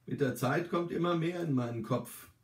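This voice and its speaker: A man's voice: a little high, normal speed, recorded from a distance, voice pushed up, lightly acted. A man voicing a frail, forgetful old woman. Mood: hesitant. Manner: hesitant, searching for memories. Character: frail forgetful elderly woman in a care-home bed. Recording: roomy, from the mic.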